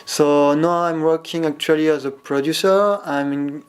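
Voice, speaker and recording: A man in his twenties from France answers interview questions about his work as a producer. His voice is smooth and clear, and he picks his words with care, pausing now and then to find them. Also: a little high, steady tone. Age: 20s. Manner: careful, searching for words.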